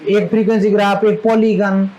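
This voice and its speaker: A man's voice: high-pitched, flat delivery, fairly quick, muffled recording, a crowd in the background. A male maths teacher giving a live classroom lecture, chatty and fondly scolding, who keeps asking his students questions.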